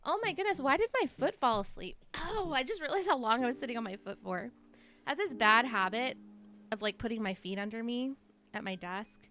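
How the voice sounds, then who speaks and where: A woman's voice: a little high, lively intonation, brisk, pushed and bright. A woman in her late thirties, chatting casually on a live stream and encouraging her chat while reading their messages aloud. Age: 30s.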